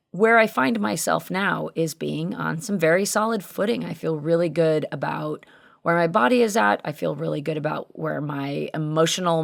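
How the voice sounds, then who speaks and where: A woman in her fifties hosting a solo podcast in a conversational, candid way, her voice very gravelly and hoarse from cheering. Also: deep voice. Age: 50s. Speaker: podcast host.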